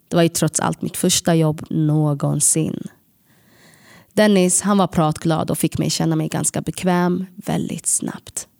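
A woman telling a personal story to an audience, lively and self-mocking, acting out the voices she quotes. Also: lowish voice, vocal fry, no echo, clean studio sound.

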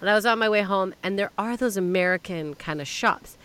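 Middle-aged Canadian female comedian guest, medium pitch, casual and punchy, repeats phrases for comic effect. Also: brisk, a bit bright, smooth. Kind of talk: casual chat.

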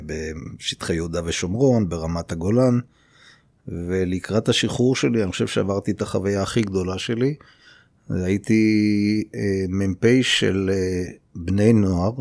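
A middle-aged man from Israel, a mayor guesting on a podcast, telling his life story with many pauses and fillers. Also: deep voice, vocal fry, darkish tone, dry recording. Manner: unhurried, many hesitation fillers. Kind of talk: conversational interview.

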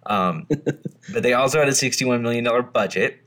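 Recording under a blanket on a home podcast mic, a man co-hosts a movie podcast in loose, rambling conversation. His voice is medium-pitched, fairly quick and a little bright, and he's laid-back and swears freely.

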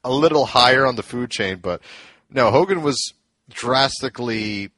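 A man's voice: medium pitch, normal speed, bright, forceful tone, no room sound. A man casually retelling old wrestling events, rambling with plenty of fillers and restarts. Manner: loose storytelling with many fillers and restarts. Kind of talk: casual wrestling history chat.

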